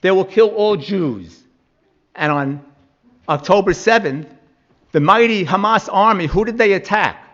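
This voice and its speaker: A man with a notably high voice delivers a heated public comment in a council chamber. He argues forcefully and fires off rhetorical questions. The recording is dull and lo-fi. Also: expressive, measured pace, long pauses.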